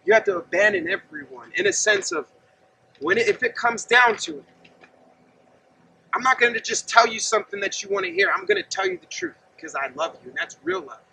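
A man in his thirties preaches earnestly and conversationally outdoors beside a gravel lot and fence, standing some distance from the camera with a faint open-air hum around him. His very high, heavily gravelly voice has a bright, tense edge, swings lively in pitch and runs a little fast.

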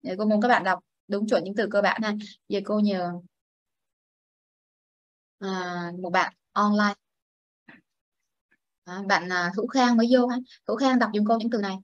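A woman's voice: medium pitch, steady tone, a little slow, long pauses, no echo, lo-fi sound. A woman teaching a classroom pronunciation lesson, patiently explaining and modelling words for students to repeat. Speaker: English teacher.

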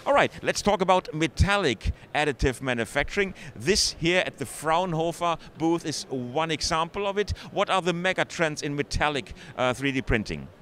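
Upbeat host at a busy trade fair. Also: male voice, fairly high pitch, expressive, moderate pace, few pauses, fairly bright tone. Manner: upbeat, stumbling restarts. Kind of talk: trade fair walking interview. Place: busy indoor exhibition hall. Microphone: handheld mic held close. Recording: faint trade-fair crowd noise.

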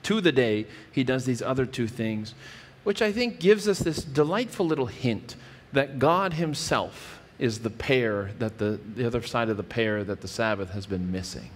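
A man's voice: mid-range voice, lively intonation, normal speed, hardly any pauses. A man in his thirties preaching a sermon from a church stage, explaining scripture earnestly and often restarting his phrases. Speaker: pastor. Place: church stage with wood-paneled wall. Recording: church hall reverb.

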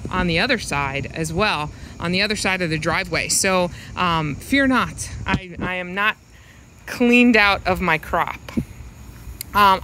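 A woman walking through her suburban backyard garden, filming with a handheld phone and explaining each plant in an unhurried, fond way. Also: mid-range voice, bright, forceful tone, slight background noise, poor audio. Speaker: home gardener giving a garden tour. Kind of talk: casual walking garden tour. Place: outdoors in a suburban yard garden. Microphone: handheld phone camera, speaker behind it.

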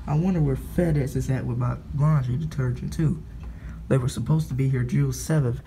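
A man's voice: mid-range voice, normal speed, mellow, a little hiss or hum. A young man from the United States, talking bluntly and with lots of profanity as he films a thunderstorm from his window. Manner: blunt and profane, scolding then muttering. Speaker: vlogger. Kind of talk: casual vlog commentary. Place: indoors at a window during a storm.

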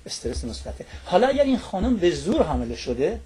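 A man's voice: high voice, big pitch swings, mellow, breathy edge. A man explaining a topic as a studio guest on a talk show. He lectures in long lists and keeps checking in with his listener through little tag questions.

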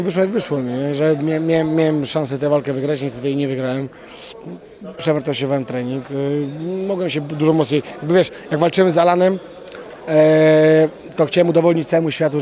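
A young man, a fighter, answering post-fight interview questions outdoors into a handheld mic, halting with many fillers and restarts and blunt slang. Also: a little high, mellow. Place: outdoors at an event press wall. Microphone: handheld reporter mic.

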